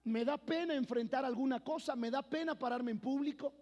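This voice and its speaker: A high-pitched man preaches from the pulpit, rising into loud declarations and then dropping into hushed personal storytelling. His voice rings out with a long reverb through a church hall. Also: a little fast, lo-fi sound. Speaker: pastor. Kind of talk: sermon.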